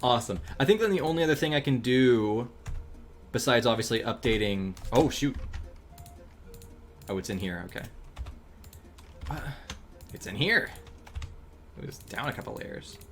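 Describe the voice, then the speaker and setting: A man chatting casually while drawing on a livestream, relaxed and rambling, thinking aloud with ums and laughs. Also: medium pitch, normal speed, long pauses. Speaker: streamer and animator.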